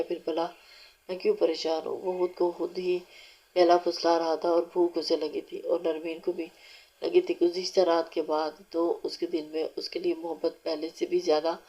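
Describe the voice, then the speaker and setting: A woman reading a romance novel aloud as audiobook narrator, steady and unhurried, with small restarts. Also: lowish voice. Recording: dull lo-fi recording.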